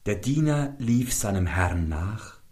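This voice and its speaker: A man narrating a fairy tale in an unhurried, expressive storytelling voice. His pitch sits a little low and moves a lot as the story goes on. He takes his time over every line. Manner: slow, lively, storytelling. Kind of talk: scripted narration.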